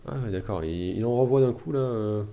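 A man hosting a strategy-game let's play, thinking aloud in trailing mutters and soft asides. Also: on the low side, brisk, highs cut off. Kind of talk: gameplay commentary.

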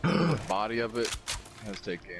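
Deep-voiced laid-back young gamer man. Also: very animated, normal speed. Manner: laid-back, swears casually. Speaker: gaming friend. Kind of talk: casual gaming chat. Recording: game gunfire and noise behind.

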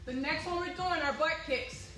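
A woman's voice: high-pitched, moderate pace, sharp tone, reverberant, soft background music. A young woman working as an aerobics instructor, leading a workout with short motivational cues and counts, recorded from a few steps away in an indoor room. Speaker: fitness class instructor. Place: medium-sized indoor activity room with hard floor. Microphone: camera or phone a few steps away.

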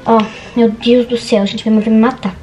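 Slightly high and flat, this teen girl's voice runs fairly fast, captured far from the mic as music plays. She's doing a casual vlog from her bedroom at home, talking nervously and saying "gente" again and again. Echo and household background noise fill the recording.

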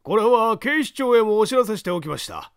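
A man voicing a sly phantom thief who speaks in a hoarse old man's voice, mockingly polite and unhurried. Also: high voice, sing-song, no echo, studio quality, pitched above the performer's own voice. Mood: mocking politeness. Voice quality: hoarse, gravelly. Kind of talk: audiobook character voice.

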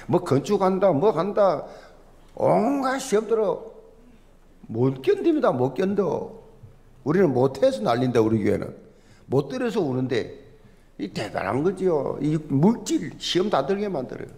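A man's voice: a little high, big pitch swings, normal speed. A middle-aged male pastor with a Busan accent, preaching a sermon in an emphatic, folksy, humorous way. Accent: Busan Gyeongsang dialect. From Busan, South Korea. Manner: emphatic, swinging from loud stresses to soft asides.

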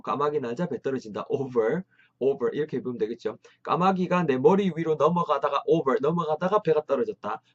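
A man leads an English lesson with energy and encouragement, repeating phrases for learners to copy. His pitch sits in a middle register. The sound is slightly dull, as if from a modest lo-fi setup. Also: moderate pace. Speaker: English teacher.

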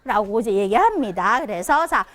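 Lively high-voiced woman teaching pronunciation. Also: moderate pace. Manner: demonstrates sounds with big pitch swings, asks and answers her own questions. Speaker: Chinese conversation instructor. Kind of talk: online lesson for seniors.

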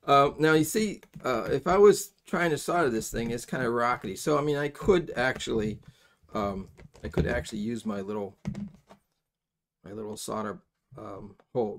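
Working at a workbench indoors, a soldering instructor shows each step of the task as he goes. He's an older man whose average-pitched voice is noticeably gravelly and creaky, and his talk is folksy, halting, and informally rambling.

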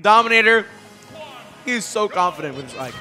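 A man doing excited live esports commentary, swearing freely and breaking into loud outbursts at big plays. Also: high-pitched, normal speed, soft background music.

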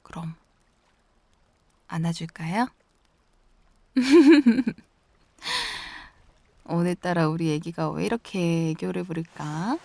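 A woman in a whispered role-play as an affectionate girlfriend, teasing and giggling softly. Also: lowish voice, lively intonation, slow pace, gravelly, pauses often. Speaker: ASMR role-play performer.

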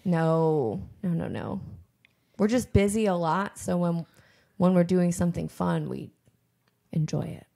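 A woman's voice: lowish voice, measured pace, creaky, warm tone. A woman co-hosting a podcast, chatting casually and enthusiastically while brainstorming a cartoon, laughing often. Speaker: cartoon creator and podcast co-host.

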